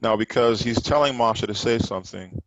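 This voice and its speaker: A man's voice: lowish voice, brisk, no room sound, muffled recording. A man teaching a Sabbath study class, explaining pronunciation emphatically and repeating points to drive them home. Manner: explanatory, emphatic, repeats words while correcting others' pronunciation.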